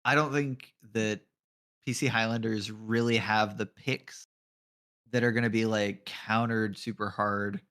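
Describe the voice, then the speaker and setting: A man's voice: fairly low pitch, fairly even intonation, measured pace, a bit bright, clear, resonant tone. A man giving casual live commentary on an esports draft as a color caster. He jokes, laughs often and swears offhandedly.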